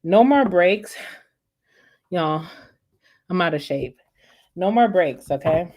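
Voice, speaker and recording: A woman's voice: fairly low pitch, expressive, slow pace, darkish tone. Chatty woman giving a tarot reading. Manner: chatty, addresses viewers as guys and y'all. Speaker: tarot reader. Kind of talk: casual tarot reading to viewers.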